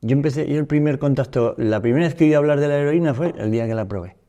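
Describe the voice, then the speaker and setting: A man in his fifties from Spain, a podcast guest telling his life story, speaking haltingly and often restarting his sentences. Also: fairly high pitch, dark tone. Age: 50s. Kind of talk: personal storytelling interview.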